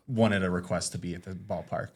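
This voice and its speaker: A man co-hosting a podcast, relaxed, asking rambling questions and often saying "yeah". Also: low voice, a little fast. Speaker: podcast co-host. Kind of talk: casual interview chat.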